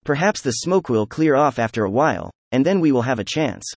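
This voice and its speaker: Guy reading a story out loud, steady and even, mid-pitched, dry close mic. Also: brisk, no echo. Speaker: audiobook narrator. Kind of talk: scripted narration.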